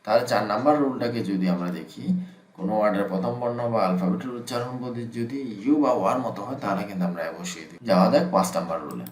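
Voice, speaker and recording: A man's voice: fairly low pitch, rapid-fire. A man teaching English grammar, patiently repeating each rule step by step with examples. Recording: echoey room.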